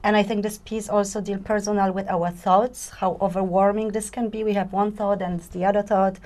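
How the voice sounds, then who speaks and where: A woman choreographer, from Poland and Germany, giving interview answers in quick, searching phrases with restarts. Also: medium pitch, level tone, darkish tone.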